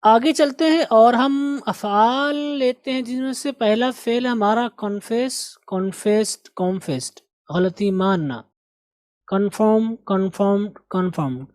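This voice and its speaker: A man teaching an English lesson, patiently repeating words and sentences slowly for pronunciation practice. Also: high voice, darkish tone, no room sound. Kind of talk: recorded language lesson.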